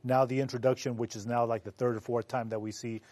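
A man's voice: medium pitch, level tone, fast, darkish tone, dry recording. A man on a Bible study panel, earnestly retelling the story behind a scripture passage with some fillers. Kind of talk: explaining scripture background.

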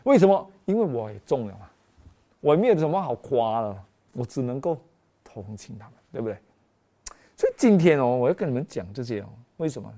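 A man's voice: mid-range voice, a little fast. A middle-aged man, preaching as a pastor and telling a personal story with frequent exclamations. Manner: animated storytelling, frequent exclamations, mixes in English phrases. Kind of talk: sermon with personal testimony.

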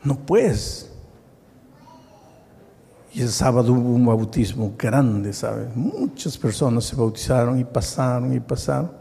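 A man preaching a sermon as a pastor, telling stories and swinging between loud, high exclamations and hushed, slow passages. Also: creaky, slightly rough, long reverb tail.

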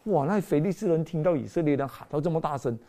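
A woman preaching a sermon in an animated storytelling way, acting out voices and dropping in English phrases. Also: sits low, fast.

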